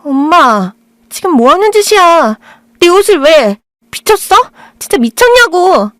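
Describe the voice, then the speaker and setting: A spoiled young teenage girl whines and talks back defiantly, as a woman voices her. Her voice sits high and bright. The recording is dry and close. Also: expressive, moderate pace, no room sound. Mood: whining, upset. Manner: whining, defiant.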